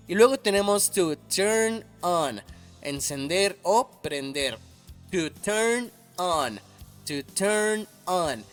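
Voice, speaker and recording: A man teaching an English lesson, patiently repeating each word slowly and clearly. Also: on the high side, a bit bright. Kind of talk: slow, careful language lesson.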